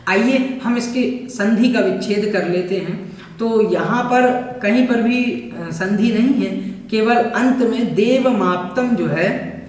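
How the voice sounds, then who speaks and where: A man teaching a scripture lesson, explaining each word slowly and with deliberate care, sometimes chanting verses. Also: high-pitched. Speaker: religious teacher. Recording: echoey room, mic far off.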